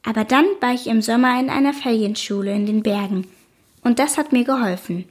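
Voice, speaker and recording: A woman reading an audiobook, voicing a friendly, mischievous young woman who speaks in a warm, encouraging way. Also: a little high, a little fast, natural voice. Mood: reminiscing.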